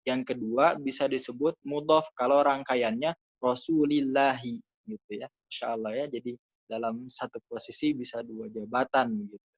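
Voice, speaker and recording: A man walks through grammar answers at a middling pitch, patient and chatty, leaning on little fillers as he explains. The sound is dull and dry, close and without room echo. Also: fairly even intonation, moderate pace. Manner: patient, casual, many fillers and "gitu ya". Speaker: Arabic grammar teacher.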